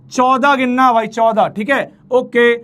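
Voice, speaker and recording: A man teaches a relaxed math lesson. He chats playfully with his students, counts steps out loud as he draws, and keeps calling them brother. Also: very high-pitched, a little slow. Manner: chatty, playful, talks to students as "bhai"; counts steps aloud while drawing. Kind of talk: casual Hinglish math lecture.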